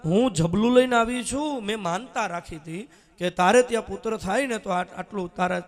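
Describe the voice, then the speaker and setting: A man's voice: high voice, normal speed. A man voicing a scheming female demon disguised as a sweet woman, speaking in a falsely sweet, lying way, in a told devotional story.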